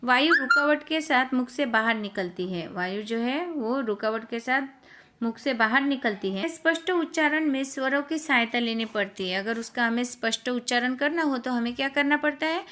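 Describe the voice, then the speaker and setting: A woman's voice: on the high side, pushed and bright. A woman teacher, giving a grammar lesson and explaining step by step. She asks each point as a question, then answers it herself.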